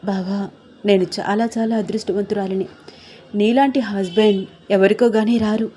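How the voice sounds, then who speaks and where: A woman voicing an anxious young wife, speaking softly and pleadingly. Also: mid-range voice, fairly even intonation, fairly quick, slight background noise, natural voice. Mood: tearful soft. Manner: soft, pleading.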